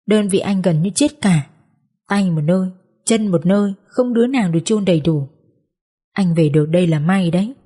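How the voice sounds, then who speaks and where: Bewildered war veteran man, read by a woman, plaintive, husky and low. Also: normal speed, dark tone. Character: troubled male war veteran, gentle and bewildered.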